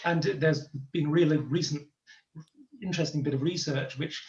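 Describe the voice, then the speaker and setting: A man's voice: on the high side, moderate pace, a little mellow. A man, explaining conversationally as an interview guest, with stop-start phrasing and repeated words. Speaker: company founder being interviewed. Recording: roomy, dull lo-fi call audio.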